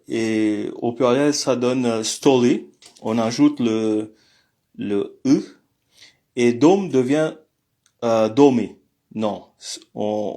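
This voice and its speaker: A man teaching a language lesson online, talking in a halting way with many fillers and restarts. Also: mid-range voice, darkish tone. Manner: apologetic about technical glitches.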